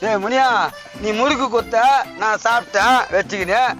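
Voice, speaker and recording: High-voiced teasing man in a comedy sketch. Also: pushed and bright, soft background music. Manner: teasing, bantering, quick comebacks. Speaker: comedy sketch actor, father character. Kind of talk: Tamil village comedy sketch.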